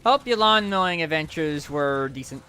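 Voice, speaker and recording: Chatty male streamer with a lively voice. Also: a little high, moderate pace, soft background music. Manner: chatty, self-correcting, reacting to play. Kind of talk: casual gameplay commentary.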